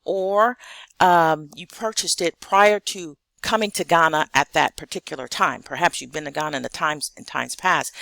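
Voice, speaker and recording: A woman's voice: low-pitched, gravelly, a bit bright, no room sound. An American woman from South Carolina speaking straight to viewers in a blunt, emphatic way, repeating her key points. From South Carolina, United States. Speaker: vlogger addressing an online audience. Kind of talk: direct-to-viewer vlog commentary.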